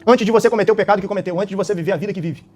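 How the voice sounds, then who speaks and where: A man, preaching an animated, dramatic sermon and often tossing out little tag questions. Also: sits high, rapid-fire, lo-fi sound, soft background music.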